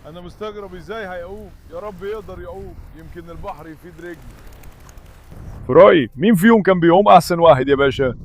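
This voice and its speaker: A man's voice: high voice, very fast, dull audio, a little hiss or hum. A man with an Egyptian Arabic accent making a casual vlog outdoors at the seashore, eagerly and affectionately calling out to his dogs on a handheld microphone.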